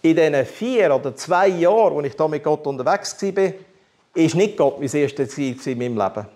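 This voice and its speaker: A man with a Swiss German accent preaches from his own life, candid and animated. His voice sits somewhat high and rises and falls in wide swings. He carries the story with humor. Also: fairly quick. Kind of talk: testimony sermon.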